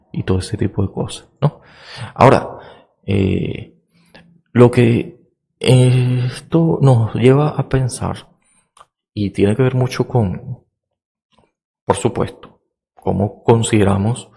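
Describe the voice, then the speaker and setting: A man hosting a podcast talks through a philosophical idea like a patient teacher. He pauses on fillers and keeps checking that listeners follow. His voice sits fairly low and comes out gravelly. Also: mellow. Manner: slow, thoughtful, with many fillers and rhetorical checks; explaining like a teacher. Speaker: podcast host. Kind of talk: reflective philosophical monologue.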